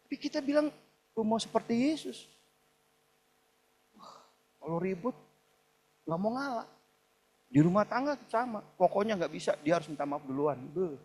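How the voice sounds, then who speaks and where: Animated man preaching a sermon. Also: sits high, a little fast, pauses often, husky. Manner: animated preaching, swings between soft asides and loud emphatic peaks; acts out quoted people in shouted or pleading voices. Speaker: pastor. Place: church hall, live service.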